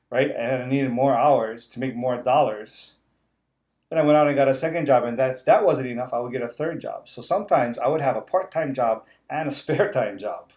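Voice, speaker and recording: A middle-aged man speaks at an average pitch in a relaxed live interview. He talks earnestly, stumbles over repeated words and keeps checking in with the listener by asking "right?". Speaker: interview host.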